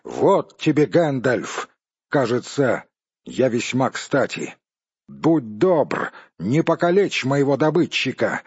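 A man's voice: medium pitch, sing-song, takes it slowly, a little mellow, husky, dry recording, full character voice. A man voicing a stern, commanding old male wizard. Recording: dull dry recording.

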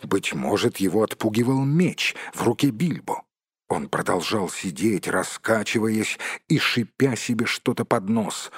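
A man reading a storybook aloud as an expressive, dramatic narrator. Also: fairly low pitch, unhurried, husky, dry recording, studio quality. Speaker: audiobook narrator.

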